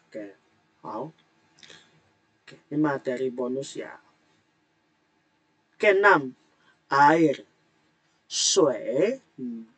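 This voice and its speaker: A man teaching an online language class, explaining words and tones patiently and repeating them slowly. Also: on the high side, a bit bright. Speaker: Mandarin teacher.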